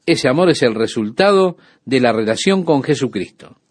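A man giving a radio sermon, preaching calmly and measuredly with frequent pauses. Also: medium pitch, slightly rough, no echo. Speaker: radio Bible teacher.

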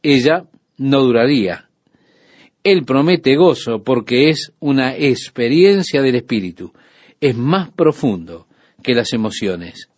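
A man giving a radio sermon, preaching calmly and measuredly with frequent pauses. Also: medium pitch, dry recording. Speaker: radio Bible teacher.

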